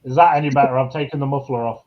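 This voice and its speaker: A man's voice: medium pitch, steady tone, rapid-fire, over a noisy crowd. A man chatting bluntly on a remote call, his voice muffled and distant as if heard through a wall. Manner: blunt, swears casually. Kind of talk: casual chat. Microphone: remote call on the wrong microphone.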